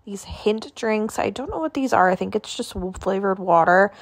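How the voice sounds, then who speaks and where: A shopping vlogger with a mid-range, animated voice walks through a grocery store at a moderate pace, phone in hand, chattily naming items and their prices.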